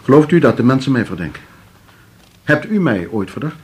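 A man's voice: medium pitch, big pitch swings, a little fast, breathy edge. An actor playing a nervous older man under suspicion, who speaks hesitantly and stammers while defending himself. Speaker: suspect husband. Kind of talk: radio drama acting.

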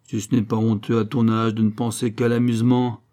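A man voicing a small, bossy middle-aged mother who scolds her grown son without pause. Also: on the low side, level tone, warm tone, lightly acted. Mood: scolding. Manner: rapid-fire scolding.

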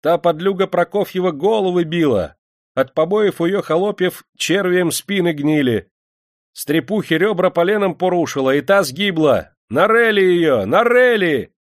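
A man voicing an angry peasant crowd yelling in outrage. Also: high-pitched, animated, normal speed, dry recording, clean studio sound, pitched above the performer's own voice. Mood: outraged.

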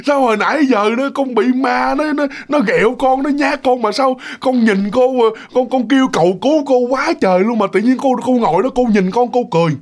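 A man's voice: very high-pitched, brisk, few pauses, pitched above the performer's own voice. A man voicing a frightened young woman in her twenties, pleading. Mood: panicked pleading. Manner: pleading, panicked.

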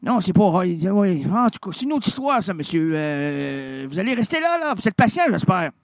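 A man with a Québécois accent doing an absurd comic radio monologue, excitable and rambling, stumbling over words as his pitch swings wildly. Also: normal speed, no room sound, studio quality. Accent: Québécois French.

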